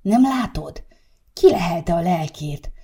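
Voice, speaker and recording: A woman's voice: fairly low pitch, lively intonation, warm tone, slightly rough. A woman voicing a fussy, worried older grandmother who scolds her husband, read in an audiobook. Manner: scolding, fretful, rising exclamations. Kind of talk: audiobook character reading.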